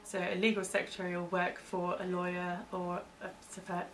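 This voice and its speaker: As the interviewee in a staff training session, a British woman explains legal terms in a hedging, casual way, often saying "kind of." Her lowish voice is completely flat and brisk. The mic sits at a distance, with faint noise behind her.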